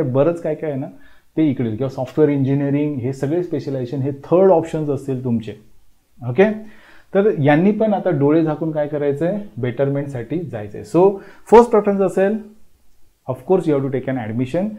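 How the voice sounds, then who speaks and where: An admissions counsellor in his thirties teaches admission procedures at the whiteboard of an indoor classroom. His voice is fairly high and warm, his delivery emphatic and comforting, and he moves between Marathi and English while checking in with "okay." A lapel mic captures him.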